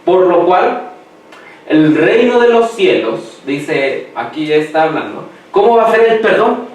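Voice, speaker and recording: A man preaching a sermon who quizzes the congregation and lets them finish his sentences, slowing down to read scripture aloud. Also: high voice, very animated. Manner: slows down when reading scripture aloud. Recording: echoey hall, mic far off.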